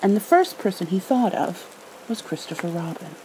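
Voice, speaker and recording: A woman narrating a storybook in a gentle ASMR style, expressive and unhurried. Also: fairly low pitch, rough recording. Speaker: ASMR roleplayer reading a storybook. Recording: faint background noise.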